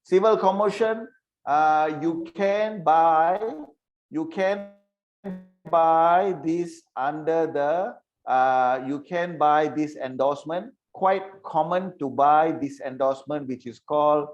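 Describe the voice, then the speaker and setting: A man's voice: fairly high pitch, slow, dull audio. A man teaching an online insurance training session, repeating key points and checking that listeners follow.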